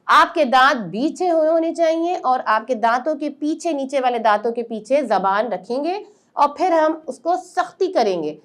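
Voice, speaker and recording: Step by step, a woman guides learners through pronouncing Quran letters in a high, animated voice. After a patient explanation, she stretches out every letter sound slowly and at full volume.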